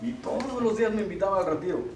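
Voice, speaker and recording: Middle-aged guy giving a church retreat talk, kinda high voice, far off mic in an echoey hall. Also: rapid-fire, noisy background. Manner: earnest, questions the audience with tag "ok?". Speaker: lay speaker at a church retreat.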